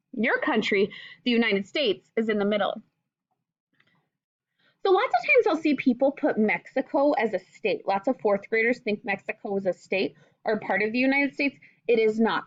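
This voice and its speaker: A woman with a fairly high voice reads a children's book aloud with lots of expression, adding simple, teacher-like explanations for young kids. The recording has no echo and sounds dull.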